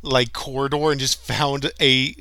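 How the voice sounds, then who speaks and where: A man co-hosting a podcast, riffing on a movie in casual chat, animated and jokey. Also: medium pitch, measured pace, no room sound. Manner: animated, jokey, riffs and laughs along. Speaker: podcast co-host.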